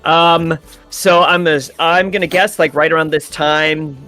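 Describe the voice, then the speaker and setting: A man's voice: fairly high pitch, fairly even intonation, a little slow, bright, forceful tone, faint music behind. A man playing a tabletop game, chatty and self-mocking. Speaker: player.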